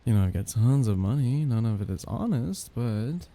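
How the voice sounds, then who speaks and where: In an intimate ASMR romance roleplay, a man voices a possessive, doting young mafia heir, speaking softly and haltingly with breathy chuckles. His voice sits at medium pitch and sounds animated and natural, carrying a possessive, devoted mood.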